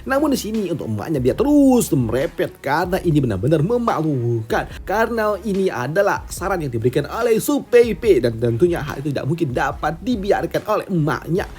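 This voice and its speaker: A man's voice: on the high side, sing-song, fairly quick, hardly any pauses, a little mellow, soft background music. A man with an Indonesian accent telling a comic's story in a chatty, slangy way and asking viewers for likes. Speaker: manhua recap narrator. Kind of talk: casual storytelling recap.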